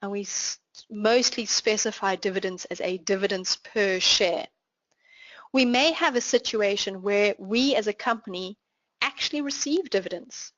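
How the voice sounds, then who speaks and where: A woman's voice: mid-range voice, normal speed, a bit bright, no echo. A woman with a South African accent explains accounting ideas step by step, the way a patient instructor would. Her voice sits in a middle register and is recorded dry, with a slightly muffled quality. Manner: clear explanatory teaching with worked examples. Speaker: finance instructor. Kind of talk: live online class lecture.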